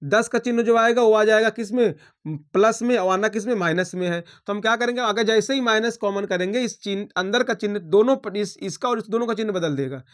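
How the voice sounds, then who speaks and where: A man's voice: high voice, fairly quick. A man teaching a maths lesson, talking through each step aloud and checking in with his students.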